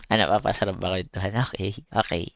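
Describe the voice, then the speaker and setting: Talking fast in a low, level, creaky voice, a competitive esports player and game streamer with a Filipino accent chats casually on his livestream. Blunt and slangy, he swears freely and addresses listeners as buddies. The audio is dry and muffled.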